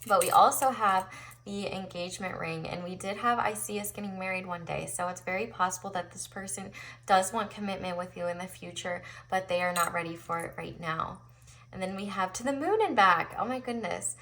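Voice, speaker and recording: A woman hosts a pick-a-card tarot reading. Her voice is bright and forward, at a middling pitch. She talks to viewers casually and encouragingly, as in a conversation. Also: fairly quick. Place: indoors at a tabletop, overhead camera on the cards.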